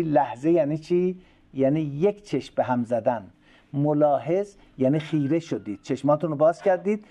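A man giving a religious lecture. He recites Arabic phrases slowly, then explains them quickly and asks rhetorical questions. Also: a little high, mellow, dull audio. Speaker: preacher explaining a classical sermon text.

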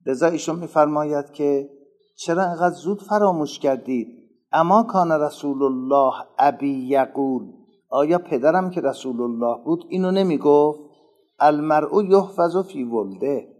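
A man giving a religious lecture, slowly reciting Arabic passages and explaining them in casual speech, growing louder on key phrases. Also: a little high. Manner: emphatic, rising in loudness on key phrases. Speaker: preacher.

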